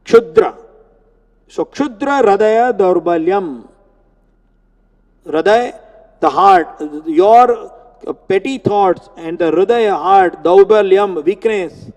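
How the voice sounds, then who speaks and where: High-voiced man teaching in a reverberant hall. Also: darkish tone. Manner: explains Sanskrit words slowly, repeating terms. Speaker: Gita teacher. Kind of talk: religious discourse. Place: temple hall.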